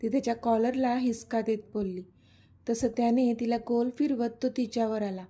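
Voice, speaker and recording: Warm-toned woman narrating a love story. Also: a little high, steady tone, moderate pace. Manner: reads dialogue of a romantic couple with light expression.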